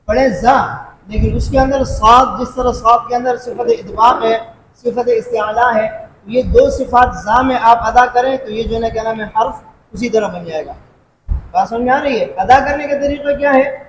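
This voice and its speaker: A man teaching Quran recitation rules, explaining patiently, repeating points and asking if students follow. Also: very high voice. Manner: repeats points and checks understanding. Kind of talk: classroom explanation. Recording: echoey room with faint noise.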